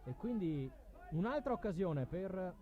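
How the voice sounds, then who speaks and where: A man's voice: high-pitched, big pitch swings, unhurried, highs cut off, a little hiss or hum. A man calling a live football match play by play, calling players' names in short bursts. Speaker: football commentator.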